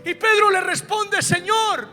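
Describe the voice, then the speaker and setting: A pastor preaching emphatically, repeating key words and asking the congregation questions. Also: male voice, very high voice, animated, unhurried, pushed and bright, in a large hall, soft background music. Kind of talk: sermon.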